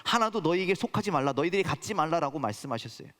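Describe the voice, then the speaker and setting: Male pastor preaching, fairly high voice, long church-hall reverb, talks straight to the congregation. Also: big pitch swings, rapid-fire, a bit bright. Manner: preaching with acted-out quotes, addressing the congregation directly. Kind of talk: sermon. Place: church sanctuary.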